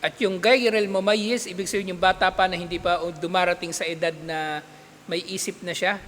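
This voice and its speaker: A man teaching an Islamic studies class, explaining patiently, checking with his students and reciting Arabic text in quick bursts. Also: sits high, fairly even intonation, fairly bright tone, big-room sound, a little hiss or hum. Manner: explains patiently, checks understanding with repeated "okay?". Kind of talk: classroom lecture.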